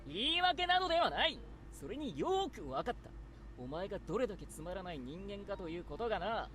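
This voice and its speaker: A man's voice: high-pitched, very animated, very fast. A man voicing a proud, stubborn young male aspiring writer with haughty, indignant retorts, in visual novel acting. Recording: game audio with loud background music.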